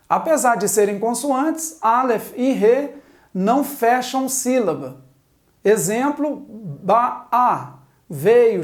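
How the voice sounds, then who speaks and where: In a classroom, a woman teaches Biblical Hebrew grammar at a chalkboard, methodically spelling out letters and vowels one by one. Her voice is on the high side and a little mellow.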